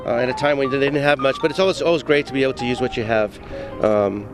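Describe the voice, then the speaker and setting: Give me a chatty chef from Zimbabwe, outdoors. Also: male voice, medium pitch, fast, over music. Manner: chatty, stop-start, frequent fillers. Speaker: executive chef. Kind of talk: live cooking demo on morning news. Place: outdoor patio.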